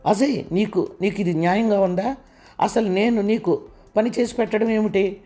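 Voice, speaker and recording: A man's voice: high-pitched, normal speed, dark tone, pitched above the performer's own voice, natural voice. A man reading a frightened young married woman who pleads in a trembling voice in an audiobook, over faint music. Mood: pleading.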